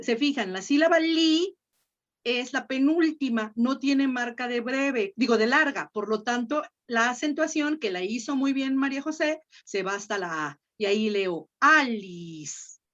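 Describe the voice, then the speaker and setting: A Mexican woman teaching a Latin class online, patient and encouraging as she corrects students' pronunciation. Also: sits high. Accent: Mexican Spanish. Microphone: video call. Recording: lo-fi video call audio.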